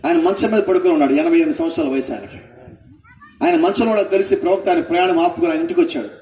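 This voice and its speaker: Man preaching, high voice, roomy echo, heard from a distance. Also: rapid-fire, mellow. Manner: preaching with acted-out quotes and questions to the congregation. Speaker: pastor. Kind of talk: sermon.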